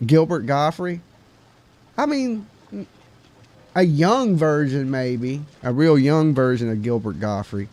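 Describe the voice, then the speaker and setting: A man's voice: fairly high pitch, lively intonation, slow pace, a little mellow. A man with a Southern US hillbilly accent, chatting casually and rambling as the host of a live call-in stream.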